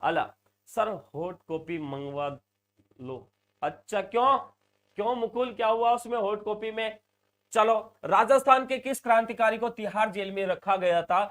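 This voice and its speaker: A man's voice: high-pitched, a bit bright. A man teaching a live online exam-prep class. He repeats key points and answers viewers' comments. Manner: repetitive, stresses points, reads out viewer comments.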